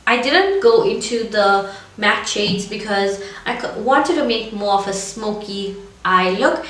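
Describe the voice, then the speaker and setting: Her voice is medium-pitched, a bit bright, and unhurried, though scratchy and congested from a cold. This beauty vlogger chats in a loose, rambling way through a makeup review, captured at a distance from the mic in an echoey space with faint background noise.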